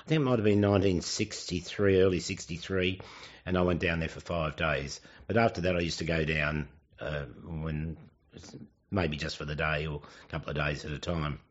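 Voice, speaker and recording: Man, 70s, Australian, low pitch. Halting, elderly reminiscing delivery in an interview, slightly muffled recording. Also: fairly even intonation. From Sydney, Australia. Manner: halting, with hesitant pauses and self-corrections. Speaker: oral history interviewee.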